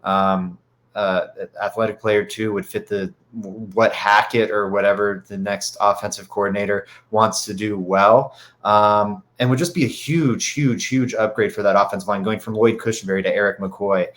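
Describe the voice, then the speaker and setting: A man's voice: on the low side, steady tone, moderate pace, a bit bright. A man with a stuffy nose co-hosting a sports podcast, rambling with lots of fillers and restarts. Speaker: podcast co-host. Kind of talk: casual sports talk.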